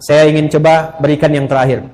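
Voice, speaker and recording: A middle-aged man delivers a sermon to an audience of women, with a voice pitched a little high. He tells stories with animated rises and drops to soft, quiet asides. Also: brisk. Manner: animated storytelling with rising exclamations and soft asides. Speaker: preacher.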